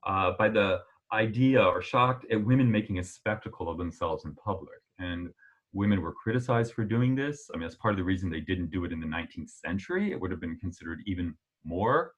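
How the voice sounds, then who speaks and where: A man with a slightly rough voice talks fairly quickly through an illustrated history lecture, relaxed and conversational, with the audio's highs cut off. He fills pauses with frequent "uh"s and jumps abruptly in pitch for emphasis.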